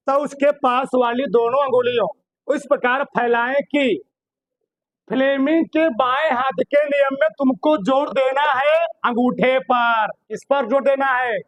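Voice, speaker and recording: A man with a very high voice teaches a physics class, repeating himself and firing questions at his students. His comes through on a dry, close recording. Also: dry recording, poor audio. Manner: repetitive, quizzing students with questions. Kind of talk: classroom lecture.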